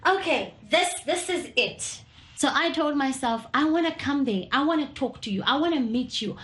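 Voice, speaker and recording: A woman's voice: high-pitched, animated, normal speed, fairly bright tone, roomy sound. A young woman speaking candidly and earnestly, telling her own story in a conversational way. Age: young adult. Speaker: interviewee. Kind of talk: personal testimony.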